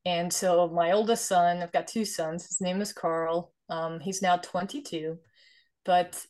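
Swedish-born woman in her 40s, kinda low voice, earnest, explains stuff, says "right?" a lot. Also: fairly even intonation, measured pace, darkish tone. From Sweden. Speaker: guest, investor and nonprofit founder. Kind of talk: conversational interview.

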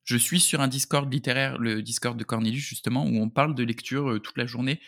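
A man's voice: medium pitch, steady tone, a little fast, creaky, a bit bright. Slangy, jokey guy chatting. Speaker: podcast guest, book YouTuber. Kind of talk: casual chat.

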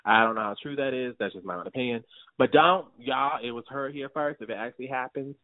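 A man co-hosting a podcast, chatting casually and animatedly, with sudden jumps in pitch for emphasis. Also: fast, no room sound. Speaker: podcast co-host. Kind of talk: casual chat. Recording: tinny phone-like sound, dry.

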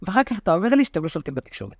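A man with a high, lively voice co-hosts a casual sports chat, teasing his friends and spinning animated stories. The sound is dry and close, with no room around him. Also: dry recording. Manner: animated, teasing, tells stories with shifts in pitch. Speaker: podcast co-host.

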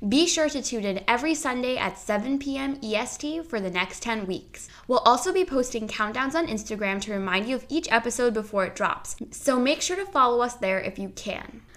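A young girl hosting a scripted science podcast in a bright, upbeat presenter's manner. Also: a little high, expressive, a little fast, hardly any pauses. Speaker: podcast host.

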